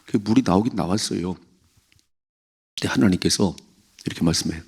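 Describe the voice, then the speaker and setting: Talking a little fast in a low-pitched, darkish voice with a breathy edge, a man delivers a sermon at an early morning church prayer service. He keeps a conversational tone as a pastor and asks the congregation questions.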